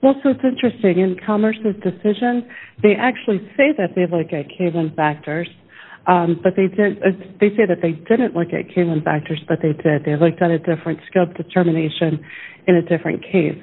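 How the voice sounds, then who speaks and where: A woman's voice: on the low side, fairly quick, slightly rough. A woman speaking as a plaintiff's attorney, making a conversational legal argument in court. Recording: thin phone-like courtroom audio.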